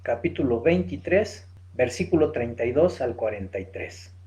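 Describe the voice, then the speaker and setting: A man's voice: medium pitch, lively intonation, normal speed, dark tone. A man preaching a sermon, reading scripture aloud and then expounding it with rhetorical questions, addressing listeners as brothers.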